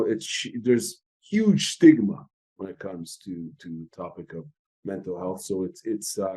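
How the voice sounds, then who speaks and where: A Canadian man with Ethiopian parents hosting an interview over a video call, affirming the guest and often restarting his sentences. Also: low voice. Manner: warm affirmations, stammering restarts. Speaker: interviewer host.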